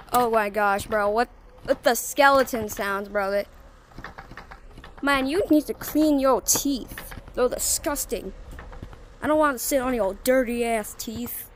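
Excitable woman, slow casual gameplay chatter. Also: on the high side, a little hiss or hum. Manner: excitable, with sudden gasps and rapid repeated exclamations; slangy and chatty. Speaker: gaming video creator.

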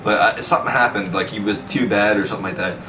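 Loud music and a noisy background surround this distant camera-mic recording of a young man, teen or young adult, vlogging about school in a small bedroom. His voice is lowish and steady in tone, moving quickly as he tells brash, sweary, repetitive stories in a casual chat.

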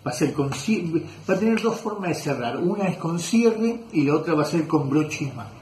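A man's voice: fairly high pitch, animated, normal speed, a little mellow, a little hiss or hum. Rambling Argentine man in an echoey workshop. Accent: Argentine Spanish. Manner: rambling, self-correcting with many fillers. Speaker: leatherwork teacher. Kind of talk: casual workshop chat. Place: leather workshop.

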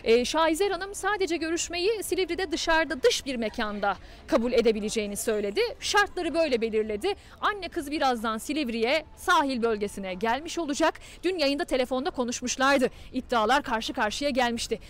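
A woman field reporter with a high voice, speaking on location. She moves briskly from setting the scene to pointed questions. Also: expressive.

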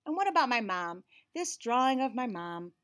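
This American read-aloud host and teacher, a woman in her forties, has a sing-song, fairly bright voice on the high side and speaks at a normal speed, with a little hiss or hum in the audio. She reads a picture book expressively to young children, slipping in friendly teaching asides. The room is small and indoors, with shelves and cabinets.

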